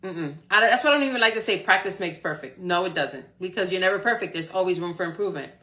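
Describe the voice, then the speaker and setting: Speaking fast with lively intonation, this woman has a lowish, sharp voice. She's a forty-something motivational speaker on a live stream who encourages listeners and checks in often with "okay?" and "right?"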